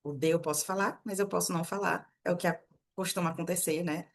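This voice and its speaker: A young Brazilian woman, a native Portuguese speaker, teaching English and reading passages aloud slowly and clearly. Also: lowish voice, steady tone. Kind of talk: language lesson with slow read-aloud.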